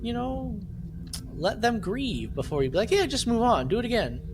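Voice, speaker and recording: This male podcast host has a very high, sing-song voice and a moderate pace. In a casual, rambling chat he recaps an audio drama, often tossing in "right?", and background noise is clearly audible.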